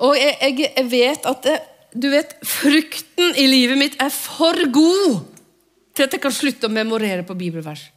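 A woman preaching a sermon and praying aloud, fervent, swinging between loud exhortation and hushed whispers. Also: sits high, animated. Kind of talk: sermon with spoken prayer. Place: church.

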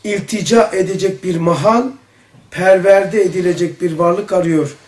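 A man teaching a religious study circle, talking in an animated way with exclamations and rhetorical questions. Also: sits high, normal speed. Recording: echoey room, voice from a distance.

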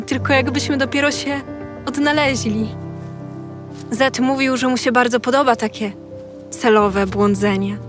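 Woman reading a diary real slow, soft and dreamy, kinda high voice, faint music behind. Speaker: diary reader. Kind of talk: slow, emotional literary reading.

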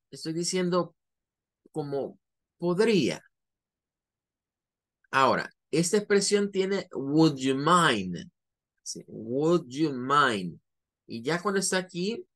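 Male English teacher, unhurried lecture delivery, repeats example phrases. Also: a little high. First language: Spanish. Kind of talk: classroom lecture.

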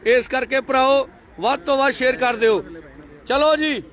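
High, bright man calling a live convoy. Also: moderate pace. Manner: energetic, urges viewers again and again to share. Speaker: live-stream reporter at a farmers' convoy. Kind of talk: live on-the-spot commentary. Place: outdoors by a highway among tractors.

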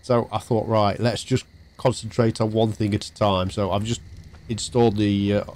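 A man's voice: lowish voice, level tone, moderate pace, darkish tone, a little hiss or hum. A man chatting casually to viewers while playing on a live stream from his home setup. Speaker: game streamer. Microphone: desk mic through a mixer.

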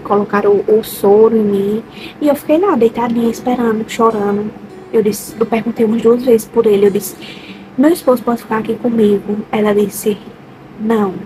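A woman's voice: on the high side, background noise. A young woman from Brazil, a vlogger, tells her birth story in a chatty, emotional way, with many repeats and diminutives. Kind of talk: personal birth story, casual chat.

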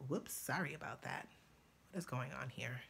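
Her voice rumbles low, creaky and a bit bright, moving at a normal speed with slight background noise. Indoors at her home painting desk, the New York City native with Spanish as her first language laughs and chats through her live-streamed painting tutorial, her New York accent tinged with Dominican Spanish.

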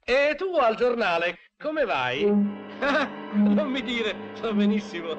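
A man's voice: high-pitched, big pitch swings, takes it slowly, dull audio, faint music behind, heavily acted. A man playing a flamboyant, vain middle-aged writer who talks in a theatrical, effusive way. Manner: theatrical, effusive, swings from hushed to exclaiming. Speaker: eccentric writer and professor. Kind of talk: 1960s Italian film dub.

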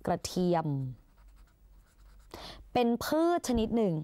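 A young woman, playing the coaxing older sister, tutors exam English chattily and playfully in a Thai exam-prep lesson. She speaks slowly in a warm, mid-range voice, and there's no echo.

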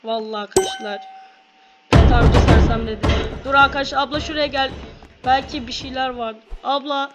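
A woman hosting a gaming video, giving excited play-by-play to her viewers and shouting quick commands during fights. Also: high-pitched, over loud music. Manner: addresses viewers constantly. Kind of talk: excited gameplay commentary. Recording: loud background noise.

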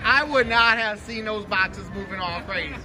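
A man giving casual, excited, exclamatory commentary while gambling, coaxing and chatting to his companions. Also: high-pitched, normal speed, rough recording. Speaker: slot machine vlogger. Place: busy casino floor. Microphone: handheld phone or camera filming a slot screen. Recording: casino recording with loud machine music. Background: loud slot machine music.

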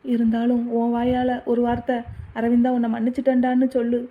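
A woman's voice: fairly high pitch, completely flat delivery, brisk, narrow, tinny audio, lightly acted. A woman voicing a remorseful young man who pleads apologetically for forgiveness in an amateur audio drama.

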